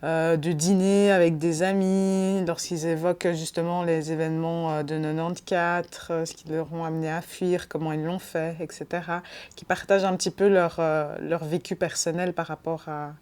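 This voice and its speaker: A woman in her late twenties, born in Rwanda, speaking hesitantly and reflectively with many pauses in an interview. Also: low voice, flat delivery, a little mellow, smooth. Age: 20s. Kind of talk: testimony.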